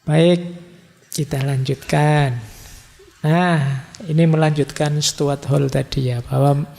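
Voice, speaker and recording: A man's voice: medium pitch, gravelly, dark tone. A middle-aged man giving a casual philosophy lecture in a mosque hall, talking conversationally with teasing everyday examples and rhetorical questions. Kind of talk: casual Javanese-tinged lecture. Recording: long reverb of a large hall.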